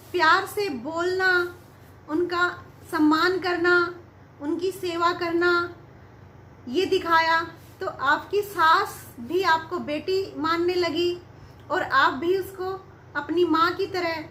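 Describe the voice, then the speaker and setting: A woman voicing a wise, kindly father who gently reassures his daughter in a spoken story. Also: extremely high pitch, slight background noise, full character voice. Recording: roomy echo.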